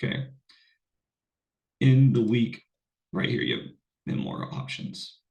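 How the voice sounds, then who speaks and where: A man's voice: mid-range voice, huge pitch swings, takes it slowly, gravelly, darkish tone, highs cut off. A man, a college English instructor, giving a casual recorded online lecture while unwell, rambling with fillers and restarts. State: unwell, voice sounds off.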